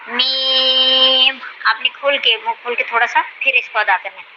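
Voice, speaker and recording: A woman's voice: on the high side, dull audio, noisy background. A young woman, patiently teaching Quran reading and stretching out each letter name with care. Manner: drawn-out, carefully enunciated letter names.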